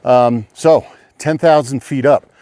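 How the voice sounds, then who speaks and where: A man's voice: medium pitch, takes it slowly, no echo. Slightly winded man on a snowy trail. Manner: relaxed, rambling explanations with many fillers. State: slightly out of breath. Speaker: hiking vlogger. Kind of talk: casual outdoor vlog narration. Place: outdoors on a snowy trail by a lake.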